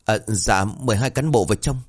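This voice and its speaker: A man's voice: lowish voice, brisk, natural voice. A man voicing an anxious, deferential middle-aged mother in a read-aloud story. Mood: worried. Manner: pleading, deferential.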